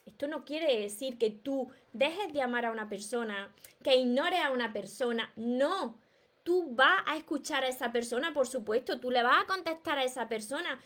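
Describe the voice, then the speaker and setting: This high-pitched, slightly bright female voice moves at a normal speed. She's a self-help author with a Peninsular Spanish accent running a live stream, calling out viewers by name as she delivers emphatic words of encouragement.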